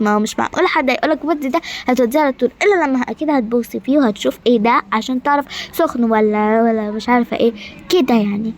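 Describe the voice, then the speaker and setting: Woman voicing a short-tempered queen, Egyptian accent, high voice, fast indignant scolding, hobby animation drama. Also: darkish tone, a little hiss or hum, natural voice. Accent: Egyptian Arabic. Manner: indignant, scolding, rapid complaints. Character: haughty short-tempered queen scolding her palace staff.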